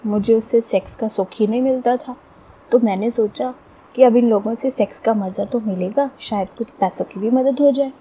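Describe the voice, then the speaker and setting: A woman reading a first-person story aloud in a steady, confiding narration that speaks to the listeners. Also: a little high, moderate pace, slight background noise, poor audio.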